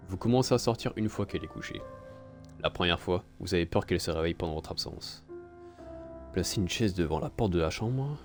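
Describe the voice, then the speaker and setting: Deep-voiced man streaming a game. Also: animated, brisk, music in the background. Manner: casual, crude asides. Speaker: let's play streamer. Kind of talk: gameplay commentary and reading game text aloud.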